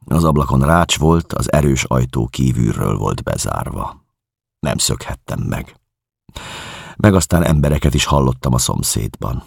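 A man reading a novel aloud as an audiobook, in a measured, calm first-person voice. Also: rumbling low, creaky, breathy edge, no echo, clean studio sound. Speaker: audiobook narrator.

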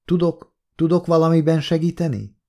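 A man voicing a polite young woman who speaks haltingly and unsurely on the phone. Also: mid-range voice, very animated, warm tone, pitched above the performer's own voice.

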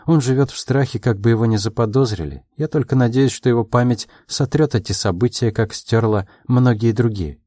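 A man voicing a proud, quick-tempered young woman in an audiobook, her lines pitched a little above his own and delivered in quick, emotional replies. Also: dark tone, no room sound, studio quality, natural voice. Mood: anxious, hopeful.

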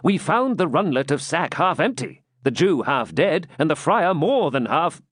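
A man's voice: fairly high pitch, big pitch swings, moderate pace, husky, no room sound, clean studio sound, pitched above the performer's own voice. A man voicing a yeoman outlaw giving a wry, mocking account.

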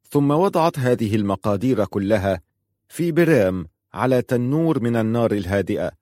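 Low-voiced male storyteller. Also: a little mellow, no room sound, clean studio sound. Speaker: narrator. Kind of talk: scripted narration.

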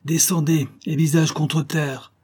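A man voicing a bold, proud young bandit chief who speaks with calm contempt and barks orders in an audiobook tale. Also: medium pitch, normal speed, breathy edge, lightly acted. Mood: commanding. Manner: contemptuous, commanding.

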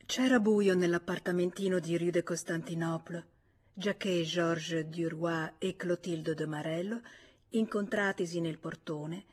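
Husky woman reading a novel aloud. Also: on the low side. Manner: measured, expressive reading. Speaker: audiobook reader. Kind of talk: scripted literary narration.

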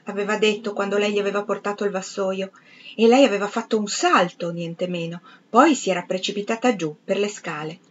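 A woman reading a novel aloud in a measured, expressive, dramatic way. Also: medium pitch, muffled recording, a little hiss or hum. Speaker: reader of literature. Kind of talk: literary audiobook reading.

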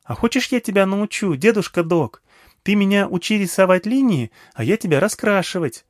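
An excitable little girl chirps high and bright, tossing out eager questions with a lively, bouncing lilt, as a male audiobook reader puts her on. The voice sits well above a grown man's normal pitch, recorded close and dry. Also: normal speed, no room sound. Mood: chirpy.

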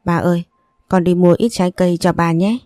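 A woman's voice: lowish voice, steady tone, brisk, warm tone, dry recording, studio quality, lightly acted. A woman voicing a young, spoiled but loving rich daughter who talks in an emotional, pleading way.

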